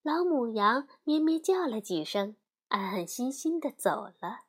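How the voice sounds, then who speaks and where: A woman storyteller host narrating a fairy tale as a gentle bedtime story for children. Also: a little high, big pitch swings, measured pace, slightly rough. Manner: gentle, addresses child listener.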